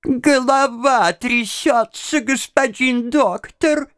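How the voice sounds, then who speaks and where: A man's voice: extremely high pitch, takes it slowly, a bit bright, clean tone, pitched above the performer's own voice, full character voice. A man voicing a frail old woman in a joke, mumbling and shaky. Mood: fretful.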